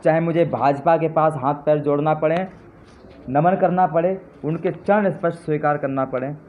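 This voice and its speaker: Through faint noise and a tinny phone-line sound, a slightly high-pitched man speaks at a moderate pace with fairly even intonation. He's addressing supporters live, pressing fervent, repetitive appeals that rise into indignant jabs.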